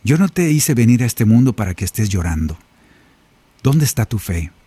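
A man voicing a gentle Jesus, who chides in slow, questioning words. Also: mid-range voice, sing-song, slightly rough, no room sound. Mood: gently scolding. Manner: scolding softly, slow questioning. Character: gentle male Jesus, chiding and tender. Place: home recording studio.

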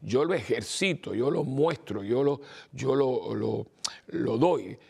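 An older male priest with a mixed Spanish accent, giving a rambling informal homily, repeating words and pausing with fillers. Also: mid-range voice, gravelly, darkish tone, slightly rough.

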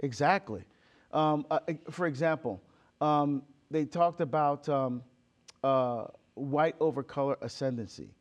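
A man's voice: a little high, measured pace. A man from Barbados, a deacon and author, speaking emphatically as an interview guest and acting out quoted exchanges. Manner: emphatic, acts out quoted exchanges, many fillers and restarts. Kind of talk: impassioned conversational interview.

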